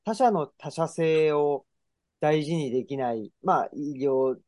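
Warm-voiced man, hesitant. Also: on the high side, slow, no room sound. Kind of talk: reflective discussion.

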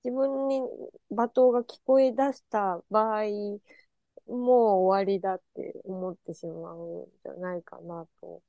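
A soft-spoken woman taking part in a reflective discussion, agreeing and sharing her thoughts. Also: mid-range voice, fairly even intonation, a little slow, creaky, no room sound. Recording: dull lo-fi dry sound.

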